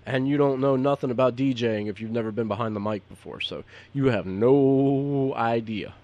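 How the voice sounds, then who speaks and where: A man's voice: mid-range voice, normal speed, mellow, lo-fi sound. Rambling earnest man giving podcast advice. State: hiccups. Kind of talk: unscripted advice monologue.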